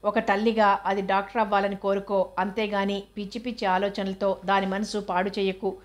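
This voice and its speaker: Woman doing a stern elder sister, protective, firm scolding, level monotone. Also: mid-range voice, fairly quick, natural voice.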